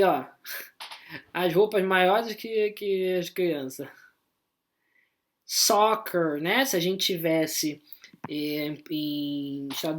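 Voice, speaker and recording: A woman with a Brazilian Portuguese accent gives a relaxed online lesson. Her voice sits a little low. She explains in a chatty way and keeps checking in with her students. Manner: chatty, explanatory, constant "né?" and "tá?" tags. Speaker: English teacher.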